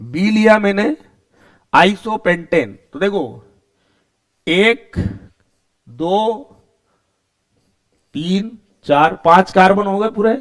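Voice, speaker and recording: A man's voice: high voice, animated, takes it slowly, long pauses. A man teaching a chemistry lecture, explaining step by step and asking his students questions that he then answers himself. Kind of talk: classroom lecture.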